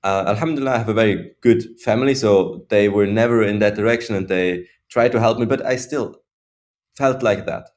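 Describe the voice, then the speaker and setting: A man from Switzerland, a guest on a podcast, telling his story in a somewhat low voice. He speaks in a reflective, halting way and often goes back to restart a phrase. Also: a little mellow. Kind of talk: casual personal story in interview.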